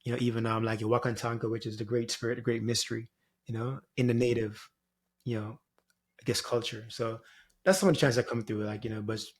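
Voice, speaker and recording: A Jamaican man who works as a spiritual guide talks quickly on a podcast, his medium-pitched voice staying fairly level. His thoughts drift in a casual, reflective way, dotted with "like" and "you know".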